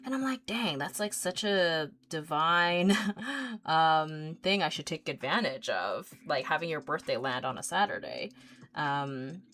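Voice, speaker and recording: A woman's voice: sits low, animated, unhurried, fairly bright tone. A woman in her thirties hosting an art livestream, chatting casually as she paints, rambling with lots of fillers and easy giggles. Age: 30s. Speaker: artist livestream host.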